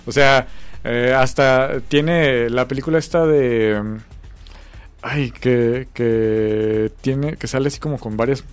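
A man's voice: medium pitch, fairly even intonation, slow, clean tone, soft background music. Rambling man chatting about film. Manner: rambling, hesitant, many fillers. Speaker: podcast co-host. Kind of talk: casual chat about film awards.

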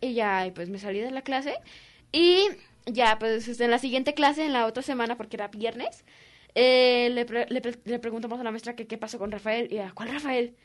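A teenage girl with a Mexican Spanish accent, co-hosting a youth radio show and telling a story in a casual, animated way, acting out the voices. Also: on the high side, normal speed. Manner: animated, acts out voices in her story, giggly. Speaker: young radio co-host. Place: radio studio.

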